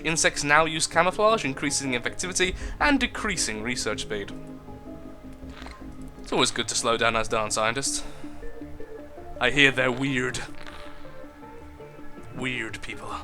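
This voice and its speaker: A young gaming video host talks casually and jokes his way through a game, reading the on-screen text aloud. His voice is mid-range with a sharp tone.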